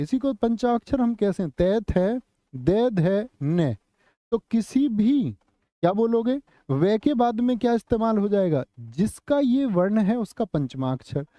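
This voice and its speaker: A young man with a high, dark, mellow voice teaches an exam coaching class and keeps drilling students with quick questions. The sound is dry and close but a bit muffled and lo-fi. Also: dry recording. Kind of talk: online exam coaching lesson. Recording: slightly muffled lo-fi audio.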